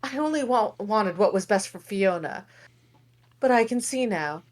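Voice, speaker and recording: A woman reads a remorseful old king turned into a frog, who apologizes in an earnest, halting way. The delivery is slow, and the pitch swings widely. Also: lively intonation, close to an everyday voice. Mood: apologetic. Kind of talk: amateur table read.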